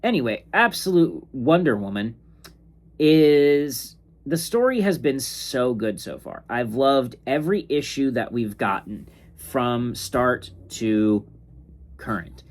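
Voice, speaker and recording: A man's voice: medium pitch, lively intonation. A sleepy young man reviewing comics in a casual, rambling way, with lots of fillers and restarts. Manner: slow, rambling, filler-heavy. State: sleepy, yawning. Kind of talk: casual ranking monologue.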